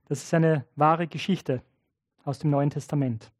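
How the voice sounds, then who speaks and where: A man's voice: a little high, steady tone, a little slow, dry recording, studio quality. A man preaching a sermon, telling a story in a conversational way and addressing his listeners directly. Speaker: pastor.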